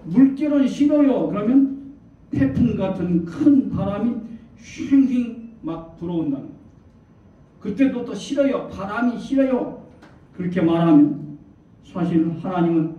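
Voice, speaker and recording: A man's voice: a little high, dark tone. A man, a church elder, preaching a sermon, asking rhetorical questions and acting out quoted voices. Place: church hall. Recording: echoey hall from far off, dull.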